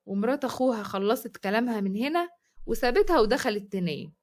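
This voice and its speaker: An Egyptian woman narrates a scripted story. Her voice is high and she reads quickly and plainly. The delivery is brisk throughout. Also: lively intonation.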